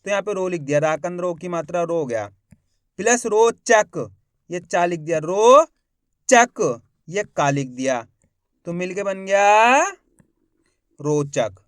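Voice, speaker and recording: A man teaching a reading lesson. He sounds out each word slowly, syllable by syllable, and he asks the viewer questions and then answers them. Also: sits high, clear, resonant tone, dry recording, studio quality. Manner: slow, syllable by syllable, repeating words.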